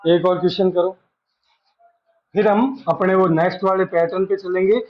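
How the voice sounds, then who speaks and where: A man teaching a reasoning class as a lecture, explaining slowly and repeating each phrase. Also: high-pitched, steady tone, dull audio.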